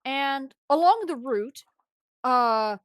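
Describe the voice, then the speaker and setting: High-pitched woman streamer chatting, lots of restarts, dry close sound. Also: takes it slowly, clear, resonant tone, no echo. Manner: animated, rambling, frequent restarts. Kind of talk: casual storytelling recap.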